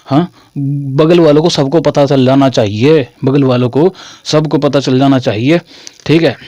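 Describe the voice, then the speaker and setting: A man's voice: mid-range voice, unhurried, dark tone, no echo. A young man from Haryana teaching a classroom-style lesson in a chatty way, repeating his phrases and calling listeners "brother". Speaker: English teacher.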